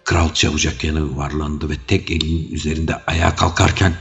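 A man narrating an adventure audiobook in a measured, dramatic reading. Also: a bass voice, little pitch movement, gravelly, fairly bright tone. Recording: dull audio with faint music.

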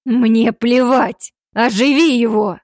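A domineering male werewolf alpha, as a woman reader puts him on, snarling out threats in a slow, heavy, forceful voice. The recording is dry and close, and his lines land louder than the surrounding storybook narration. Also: mid-range voice, no echo, lightly acted. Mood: furious. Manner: barking, threatening, slow and loud. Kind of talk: audiobook character voice.

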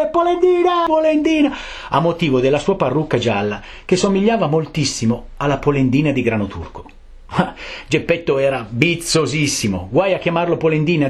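Brief: male audiobook narrator, lively pitch, playful sound effects. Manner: animated, adds mouth sound effects. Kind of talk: expressive storybook narration.

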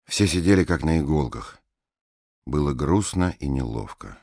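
A man calmly narrating an audiobook story. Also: extremely low pitch, normal speed, no room sound, studio quality.

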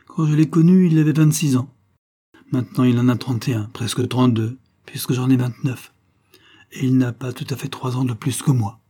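A man's voice: medium pitch, steady tone, normal speed, mellow, close to an everyday voice. A man voicing a bitter young wife in an audiobook, speaking coldly and defiantly, breaking into angry outbursts. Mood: weary.

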